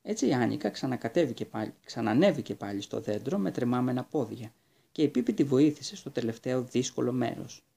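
A man narrating a children's book aloud with lively, expressive storytelling. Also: mid-range voice, creaky, husky. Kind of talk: audiobook reading of a children's book.

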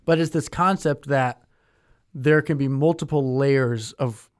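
A young man co-hosting a podcast, speaking at a mid pitch. He chats loosely, with lots of "like" and "um" and plenty of restarts. The recording is dry and close, with no room sound. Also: measured pace, smooth, no room sound. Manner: chatty, with many fillers and self-corrections. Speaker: podcast co-host. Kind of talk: casual conversational chat.

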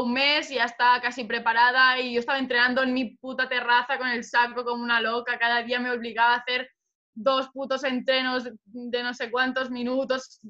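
A woman's voice: sits high, bright, forceful tone. A woman fighter chatting casually, telling a story animatedly and swearing freely. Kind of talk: casual chat. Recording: dull lo-fi sound.

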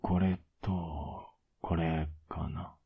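A man playing a teasing, affectionate young boyfriend in a soft ASMR role-play, with a low, husky voice. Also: flat delivery, slow pace, full character voice. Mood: tired, casual. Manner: laid-back, gently teasing, intimate.

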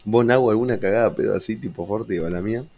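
A man's voice: on the low side, fast talker, mellow, muffled recording. A man with an Argentine accent telling school stories in a casual chat as co-host, laughing often and swearing freely. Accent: Argentine Rioplatense Spanish. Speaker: podcast co-host.

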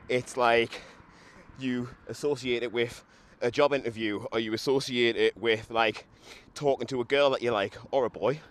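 Hungover, sweary man outdoors. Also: mid-range voice. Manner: sweary, blunt, self-mocking. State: hungover, still a bit drunk after a run. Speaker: podcaster. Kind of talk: casual walking monologue to camera. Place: outdoors, walking along a street. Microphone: handheld microphone and camera. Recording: noisy outdoor recording with traffic.

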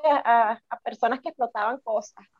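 A woman's voice: a little high, normal speed, dull audio. A Venezuelan woman in her twenties, a podcast co-host telling stories in casual, swearing chat. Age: 20s. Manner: chatty storyteller, swears freely.

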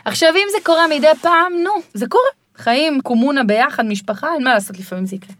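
A middle-aged woman with a high voice guides parents during a podcast conversation. She explains things in a lively way and now and then imitates children's voices.

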